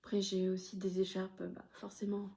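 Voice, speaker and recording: A woman casually chatting on her knitting podcast, showing her projects with a hesitant, filler-heavy way of talking and the odd soft aside. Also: medium pitch, completely flat delivery, normal speed, creaky.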